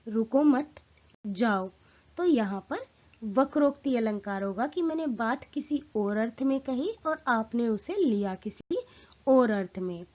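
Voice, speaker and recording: High-voiced woman teaching a grammar lesson. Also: animated, a little slow, lo-fi sound. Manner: clear, explanatory, acts out example lines with emphasis. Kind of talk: Hindi grammar lesson narration.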